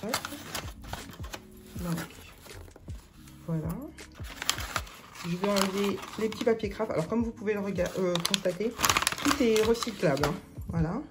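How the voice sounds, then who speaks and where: A woman's voice: medium pitch, a little slow, long pauses, loud music behind the voice. A woman vlogger chatting casually through an unboxing, hesitant with many fillers and restarts. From France.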